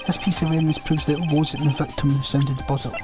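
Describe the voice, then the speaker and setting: A man's voice: on the high side, steady tone, quick pace, natural voice. A man voicing an earnest young male defense attorney, with a formal courtroom delivery over music. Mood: firm.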